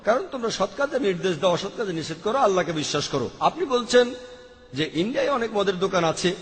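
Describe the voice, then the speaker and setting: A man answers audience questions at a religious lecture in a high, carrying voice. He works methodically, reciting verses and listing what can be done point by point. The sound hangs in a long hall reverb. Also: very animated, fast talker. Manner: methodical, quotes scripture verses and lists options.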